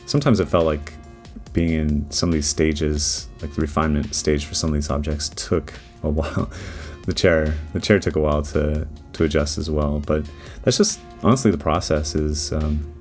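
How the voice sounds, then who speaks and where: A 3D artist with a very low voice gives relaxed voice-over commentary on a modeling timelapse, speaking at normal speed. He rambles loosely, uses many fillers and keeps restarting his thoughts, while faint music plays quietly behind him.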